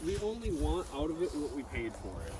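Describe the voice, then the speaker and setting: A man from Wisconsin chatting casually with quick asides while touring old vehicles. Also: a little high, sing-song. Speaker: auto shop vlogger. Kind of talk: casual walkaround chat. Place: outdoor junkyard lot. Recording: outdoor recording with clear background noise.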